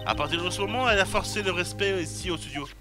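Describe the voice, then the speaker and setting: A man's voice: high-pitched, over music, lightly acted. A man reading a weary old actor. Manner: tired, resigned, halting.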